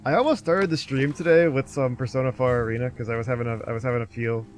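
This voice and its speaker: A man's voice: mid-range voice, fast talker. A man streaming a game live, rambling in casual commentary and talking back at the game and his chat.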